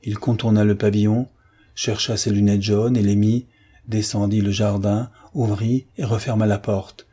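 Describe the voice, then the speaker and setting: A man narrates a classic novel in a steady, measured rhythm. His low voice is dark and mellow, with a husky, breathy edge. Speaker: audiobook narrator. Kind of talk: scripted narration.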